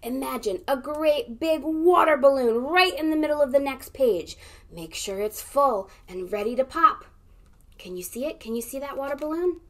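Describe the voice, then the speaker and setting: A young woman as a children's librarian leading a storytime read-aloud. She is animated, gasps for effect and keeps inviting the listener to join in. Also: high voice, normal speed.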